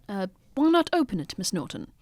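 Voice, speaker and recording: A woman playing Sherlock Holmes, a shrewd, commanding gentleman detective with formal, measured phrasing in an old-fashioned radio mystery. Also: mid-range voice, very animated, no room sound. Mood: knowing calm.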